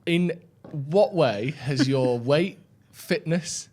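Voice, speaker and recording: A man's voice: a little high, drawn-out words, darkish tone. A British man co-hosting a podcast with teasing, exasperated comic banter. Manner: teasing, exasperated mock questioning. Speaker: podcast co-host.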